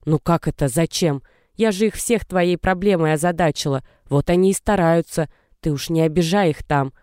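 A man's voice: fairly high pitch, normal speed, darkish tone, smooth, dry recording, clean studio sound, natural voice. A man reading the lines of an anxious middle-aged mother who lectures and coaxes her daughter over the phone. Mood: coaxing. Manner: coaxing, insistent, lecturing.

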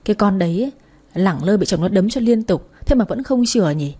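A woman's voice: medium pitch, expressive, a little fast, mellow, breathy edge. A woman voicing scornful gossiping neighborhood women who talk in a sneering way.

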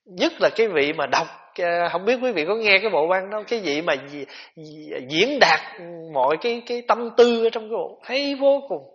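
A man giving a gentle, conversational Buddhist dharma talk, with rhetorical questions for his listeners. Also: high-pitched, lively intonation, moderate pace, hardly any pauses. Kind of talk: sermon. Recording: dull lo-fi tape recording.

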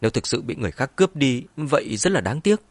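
A man's voice: mid-range voice, big pitch swings, fast talker, no echo, voice pushed up. A man voicing a ruthless, two-faced middle-aged woman in an audiobook, switching between cold menace and false wailing. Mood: insistent. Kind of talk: audiobook character voice.

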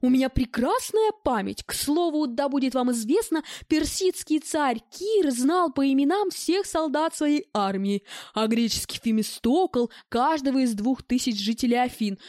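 A sweaty, talkative man full of trivia who keeps trying to make peace, as a woman reads him. The voice stays light and high for a man. Close, dry recording. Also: animated, normal speed, darkish tone, dry recording. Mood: chatty. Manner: chatty, know-it-all. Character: sweaty, talkative middle-aged man, pedantic and peace-making. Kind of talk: audiobook reading.

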